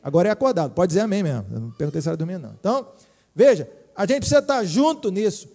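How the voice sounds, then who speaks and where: A Brazilian man in his forties, a pastor preaching a lively, joking sermon and speaking straight to his congregation. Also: high voice, racing, creaky, big-room sound. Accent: Brazilian Portuguese. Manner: lively, jokey preaching with direct appeals to the congregation. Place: church hall.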